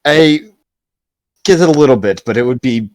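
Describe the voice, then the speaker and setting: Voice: medium pitch, animated, normal speed, a little mellow, dry recording. A game master running a tabletop role-playing game, mixing casual banter with improvised scene narration.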